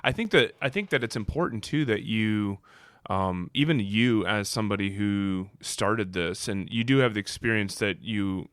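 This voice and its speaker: Low-voiced man, podcast host, friendly, dry close sound. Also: moderate pace, a bit bright, clear, resonant tone, dry recording. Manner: friendly, many affirming backchannels. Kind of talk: casual interview chat.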